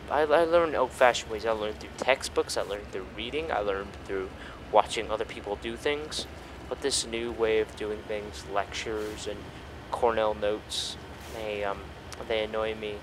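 A young man with a lowish voice gives casual let's play commentary as a gaming video host, crude and full of exclamations while he plays. Background noise is audible.

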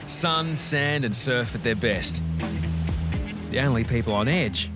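A man narrates a documentary series in a mid-pitched voice. His delivery is scripted, and music plays prominently behind him. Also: unhurried.

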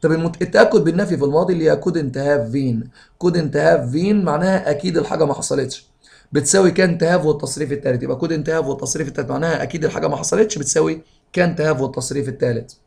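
Egyptian guy teaching english grammar, rapid-fire, gravelly voice. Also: a little high, a little mellow. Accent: Egyptian Arabic. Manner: fast, reads English sentences slowly then explains in Arabic. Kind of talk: explaining grammar exercises.

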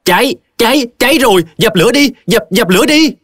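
A man's voice: extremely high pitch, animated, a little fast, a bit bright, slightly rough, big-room sound, pitched above the performer's own voice, full character voice. A man shrieking as a frantic mad village girl. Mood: alarmed.

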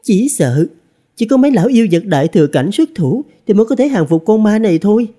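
A man's voice: high voice, big pitch swings, fast talker, dark tone, voice pushed up. A man voicing a despairing female wandering cultivator with a tense, hopeless tone, in an audiobook reading.

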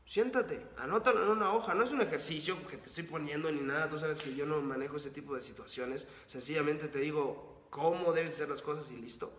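A man with a high voice delivers an emphatic motivational talk to his audience, stacking rhetorical questions and repeated phrases. His voice carries a roomy echo with a long reverb tail. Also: a little fast, fairly bright tone. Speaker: host of a book-summary channel. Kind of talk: motivational monologue to camera.

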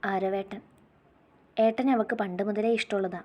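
A woman voicing a cheerful, playful teenage girl who talks in an excitable, teasing way. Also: medium pitch, normal speed, lightly acted. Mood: chatty.

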